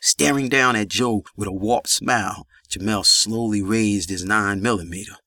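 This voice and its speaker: A man reads a gritty crime story as an audiobook, keeping an even, steady storytelling manner. His voice is bright and crisp, recorded dry and close with no room around it. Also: on the low side, normal speed, dry recording. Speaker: narrator. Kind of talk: audiobook narration.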